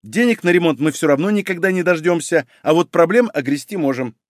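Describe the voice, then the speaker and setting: Brash middle-aged hospital chief, voiced by a man, coarse and bossy, lively pitch. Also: brisk, no room sound, studio quality, natural voice. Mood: gossiping. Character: loud brash middle-aged female head doctor.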